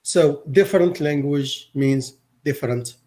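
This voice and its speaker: A middle-aged Moroccan teacher whose first language is Arabic answers interview questions haltingly, often repeating words and starting over. His voice is slightly high and warm.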